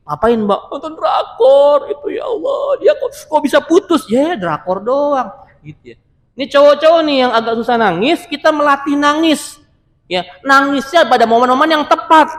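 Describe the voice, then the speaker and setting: A man delivers a lively sermon, his voice sitting high for a man. He jokes with the congregation and slips into quoted voices to make his points. The sound rings with the long reverb of a mosque hall. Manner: animated, joking, acts out quoted voices. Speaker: Islamic preacher.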